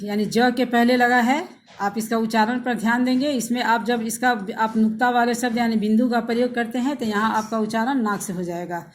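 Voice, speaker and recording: A woman school teacher giving a grammar lesson to pupils, spelling words out slowly letter by letter and calling them children. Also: on the high side.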